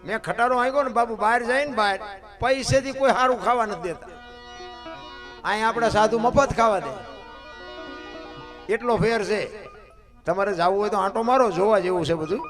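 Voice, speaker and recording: A man with a Saurashtra Gujarati accent telling a devotional folk tale, dramatic, dropping to hushed asides and rising to loud declaiming. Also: high-pitched, brisk, pauses often, over music. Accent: Saurashtra Gujarati (Kathiawadi). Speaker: folk storyteller.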